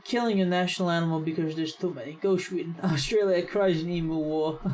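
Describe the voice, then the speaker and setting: A man's voice: fairly high pitch, steady tone, a little fast, darkish tone, rough recording. A young American man hosting a reaction channel, giving loose, rambling casual commentary full of "I mean" and "yeah". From United States.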